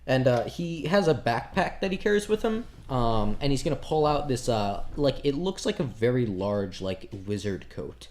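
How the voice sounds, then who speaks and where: A man's voice: medium pitch, expressive, moderate pace, hardly any pauses, a little mellow. A man narrating as game master of a tabletop game in a casual, rambling way, full of fillers.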